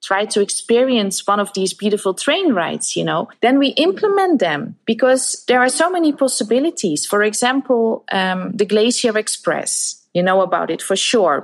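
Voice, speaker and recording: A woman's voice: a little high, poor audio. A woman who runs private tours, answering interview questions in an explanatory, friendly way, with frequent fillers and restarts. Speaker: private tour operator.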